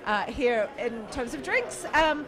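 A woman's voice: on the high side, sing-song, slow. Woman interviewer amid crowd chatter. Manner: friendly, conversational, hesitant fillers. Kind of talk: conference interview. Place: busy conference hall, indoors. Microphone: handheld mic.

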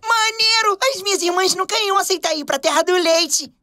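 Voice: very high-pitched, moderate pace, sharp tone, no room sound. A performer voicing an eager, dramatic young boy in a cartoon dub, with exclamatory delivery. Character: excitable eleven-year-old boy, eager and dramatic. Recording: music underneath.

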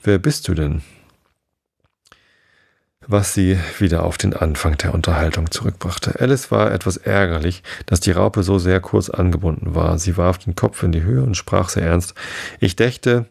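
A man hosting a sleep podcast, reading a storybook aloud in a slow, soothing, unhurried way. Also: low-pitched, steady tone, vocal fry, darkish tone, husky, no room sound, studio quality. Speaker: podcast host and reader. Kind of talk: calm bedtime story narration.

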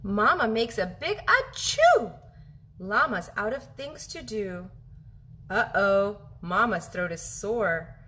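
A woman reads a picture book aloud to young children in an expressive, lively style. Her pitch swoops widely and her tone is bright and forward. It sounds recorded on a phone at home, with faint noise behind her. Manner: animated, drawn-out phrasing with questions to young listeners. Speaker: teacher reading aloud to children. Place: home kitchen, indoors.

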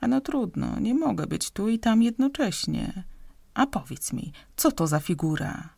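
Lady doing a bossy nagging wife in an audiobook, higher and louder, gravelly edge, dry close sound. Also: very animated, unhurried, no echo, exaggerated voice. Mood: interrogating. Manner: scolding, interrogating, raised and insistent. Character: grasping sharp-tongued middle-aged wife, domineering. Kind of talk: audiobook character reading.

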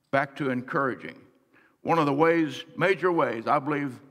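A middle-aged man preaching a sermon as pastor, earnest, swinging between soft and emphatic delivery. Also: on the high side. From United States. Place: large church sanctuary, on stage. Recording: long church hall reverb.

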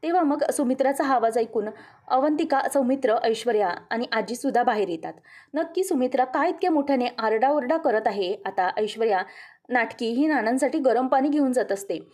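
A woman's voice: high-pitched, brisk, a little mellow. A woman retelling a television serial episode as a vivid, emotive story, addressing listeners as friends. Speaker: narrator of serial episode recaps. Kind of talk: dramatic storytelling recap.

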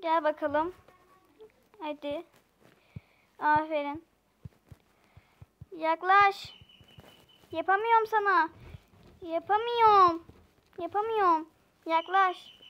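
Slow-talking high-voiced young woman gamer. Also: steady tone, lo-fi sound. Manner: playful, giggly, chatty with viewers. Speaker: gaming channel host. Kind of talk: casual gameplay commentary.

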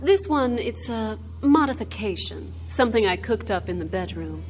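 A woman's voice: on the high side, expressive, normal speed, a little mellow, lightly acted. Moxxi, a woman as sultry bar owner. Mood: teasing. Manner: sultry, teasing, innuendo-laden. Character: flirtatious, scheming female bar owner and inventor. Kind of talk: video game character dialogue. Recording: music under the voice.

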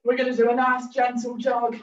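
A woman's voice: on the high side, monotone, fairly quick. A woman leading a cardio class, giving upbeat cues and countdowns while out of breath. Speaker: fitness instructor. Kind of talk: workout instruction with countdowns. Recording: roomy, distant and a bit dull.

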